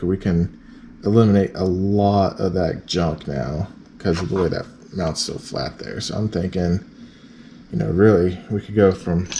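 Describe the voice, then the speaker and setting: A man's voice: low-pitched, dark tone, slight background noise. A man giving a casual how-to vlog, laid-back and thinking aloud as he goes. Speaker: vlog host.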